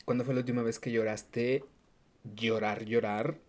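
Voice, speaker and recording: A woman's voice: very deep voice, steady tone, moderate pace, darkish tone. A woman with a Mexican accent hosting a podcast, musing aloud and chatting casually with her guest. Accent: Mexican Spanish. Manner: reflective, chatty, muses aloud. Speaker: podcast host.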